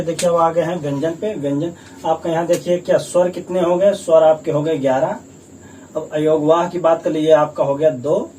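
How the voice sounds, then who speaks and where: A man teaching a grammar lesson with patient, repetitive explanations, slowly sounding out each letter. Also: fairly high pitch, warm tone. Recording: distant mic with faint room noise.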